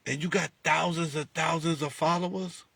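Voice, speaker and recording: His pitch is fairly high and his pace moderate, with vocal fry and a breathy edge on a dry recording. As a lottery group leader, he talks casually to followers, animated, asking rhetorical questions and impersonating callers.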